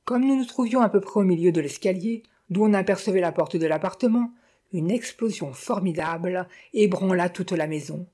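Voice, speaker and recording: A woman reading a detective novel aloud in a measured, steady storytelling manner. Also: fairly low pitch, husky. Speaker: audiobook reader. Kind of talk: scripted novel narration.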